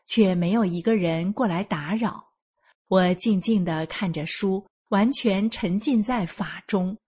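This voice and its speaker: Slow, breathy woman in her forties. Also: medium pitch, darkish tone. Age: 40s. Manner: earnest, measured reading. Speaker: narrator of a personal account. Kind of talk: scripted first-person narration.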